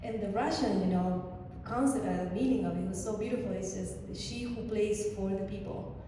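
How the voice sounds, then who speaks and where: A woman from Chile with a Chilean Spanish accent, a native Spanish speaker, talking casually to an audience as a guest artist, animated, with many restarts. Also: mid-range voice, moderate pace. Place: church hall. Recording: distant echoey hall with faint noise.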